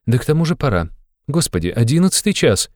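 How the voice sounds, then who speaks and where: A man's voice: medium pitch, sing-song, fast, darkish tone, dry recording, clean studio sound, voice pushed up, lightly acted. A man reading an audiobook, voicing a firm, reassuring young woman in a raised voice. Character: composed young woman, firm and tender daughter.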